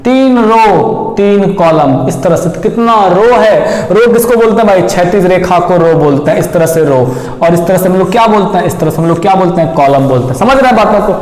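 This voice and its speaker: A man's voice: high-pitched, lively intonation, a little fast, a little mellow. A male math teacher lecturing a class. He keeps asking questions and answering them himself. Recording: echoey room, long reverb.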